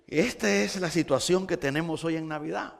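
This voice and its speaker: A man's voice: fairly high pitch, normal speed, creaky, big-room sound. A man preaching a sermon as pastor, with rising emphasis and frequent repeated starts. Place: church hall.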